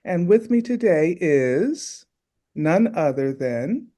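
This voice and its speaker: A man opening an oral history interview in a measured, courteous way. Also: high-pitched, very animated, dark tone. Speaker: interviewer, folklife fellow. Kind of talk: formal oral history introduction.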